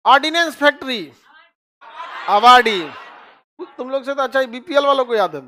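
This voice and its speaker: A male teacher running an online map class, drilling facts in quick call-and-response and repeating each answer. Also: extremely high pitch, sharp tone.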